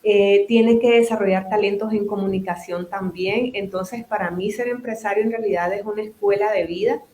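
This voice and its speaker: A woman's voice: medium pitch, steady tone, normal speed, a little mellow. Chatty Nicaraguan woman in an echoey room. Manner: talkative, explains with restarts and asides. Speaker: guest, business owner and psychotherapist. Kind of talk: interview conversation.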